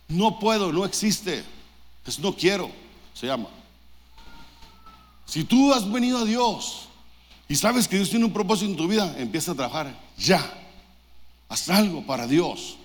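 A man's voice: high voice, fairly bright tone, long reverb tail. A man preaching a sermon as pastor, fervent and exhorting, throwing questions to the congregation. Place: church.

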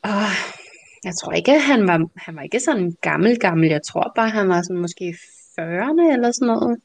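Woman co-host with a mid-pitched voice, telling stories in a chatty way with frequent laughs. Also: vocal fry. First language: Danish. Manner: chatty, animated, laughs often. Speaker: podcast co-host. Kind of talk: casual conversational storytelling.

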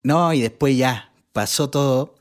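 A man from Chile, a church bass player, telling his testimony in a relaxed chat and acting out the people he quotes. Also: unhurried. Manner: animated, acts out the people he quotes. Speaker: guest sharing his testimony. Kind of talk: casual storytelling.

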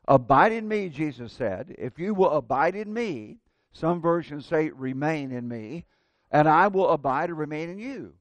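A man preaching a sermon at a pulpit microphone, earnest and measured, slowing down to stress key words. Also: on the high side, lively intonation, dry recording.

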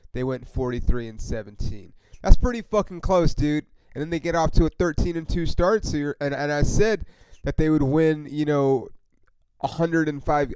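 Smooth-voiced man ranting casually about sports. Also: on the high side, darkish tone, no echo, poor audio. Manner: rambling, profane, frustrated fan talk with many fillers. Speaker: podcast host. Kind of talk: casual solo sports podcast rant.

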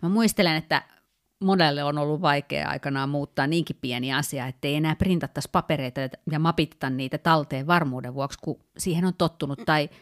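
A woman co-hosting a casual talk, explaining ideas step by step with many fillers and small restarts. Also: low voice. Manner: thoughtful, with frequent fillers and restarts; explanatory, walks through work examples. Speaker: podcast co-host. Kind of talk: casual conversational podcast.

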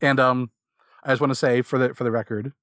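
A man co-hosting a podcast, chatting casually about a film in an animated way, full of fillers and laughs. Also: mid-range voice, fairly quick, no room sound, clean studio sound. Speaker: podcast co-host.

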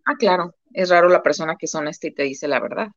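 A woman's voice: on the low side, fast talker, no room sound, dull audio. A woman with a Mexican Spanish accent co-hosting a casual live-stream talk, emphatic and repeating phrases for effect. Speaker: co-host.

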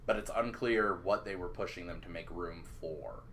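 A man narrating as game master of a tabletop role-playing game, describing scenes in a measured, drawn-out way. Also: deep voice, fairly bright tone, slight background noise.

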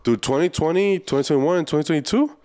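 A man's voice: fairly high pitch, fast talker, mellow. A young man chatting casually as a podcast co-host, blunt and heavy on swearing. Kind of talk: casual chat.

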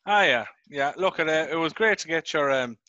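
A man's voice: fairly high pitch, animated, moderate pace, pushed and bright, dry recording, highs cut off. A man with an Irish accent hosting a casual sports chat podcast. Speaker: podcast host.

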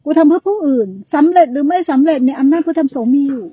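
A high-pitched woman speaking as a Buddhist nun, teaching in blunt, crude everyday language. She keeps pressing her listeners with questions to make each point land. The recording is dry and a little dull. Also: racing, no room sound. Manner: blunt and coarse, uses crude familiar pronouns; keeps asking rhetorical questions. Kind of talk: conversational dharma talk.

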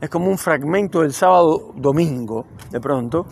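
Cuban-born man, gravelly podcast monologue. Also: on the high side, lively intonation, moderate pace, darkish tone. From Cuba. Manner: rambling, loose and conversational. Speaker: podcast host. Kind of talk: improvised monologue while walking. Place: outdoors on a city street at dusk. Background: passing cars.

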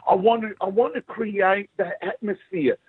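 A middle-aged man with a broad Australian accent tells stories casually in an interview, acting out what people said. His voice is husky and a little high for a man. It comes through a thin, dry phone-like line. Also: normal speed, dry recording. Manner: animated storytelling, acts out quoted remarks. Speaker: singer, interview guest. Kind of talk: casual anecdotal interview chat.

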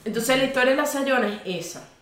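Venezuelan woman co-host, lively slangy storyteller, roomy set. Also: high voice, quick pace. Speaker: podcast co-host. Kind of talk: casual chat, telling legends.

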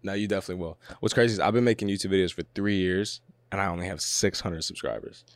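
A man's voice: low voice, fairly even intonation, fast, no echo. A young man hosting a podcast in a casual, laid-back way, swearing freely and laughing easily. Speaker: podcast host.

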